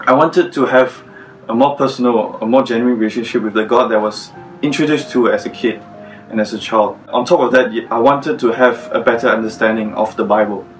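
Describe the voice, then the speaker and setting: A man's voice: medium pitch, fairly even intonation, brisk, recorded from a distance, soft background music, poor audio. A man from Malaysia, earnestly reflecting as he gives a personal testimony. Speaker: former student giving testimony.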